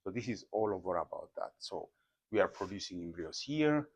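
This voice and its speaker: A middle-aged Ethiopian professor's husky, low voice carries real expression as he explains embryo research in an interview. Still, his speech is careful and halting, full of fillers and repeated words.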